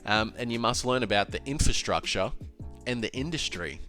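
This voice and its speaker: A crypto trading educator talks about trading in a solo video, his voice stuffed-up and slightly nasal, medium in pitch and normal in speed. He sounds casual, animated and emphatic, using filler and restarting sentences, with soft music playing in the background.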